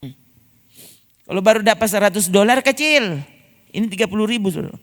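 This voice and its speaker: A male pastor with a Manado Malay accent, telling stories to his congregation with animated energy and calling out to them as he preaches. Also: high voice, brisk. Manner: animated storytelling, calls out to the congregation. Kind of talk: sermon. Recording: echoey church hall.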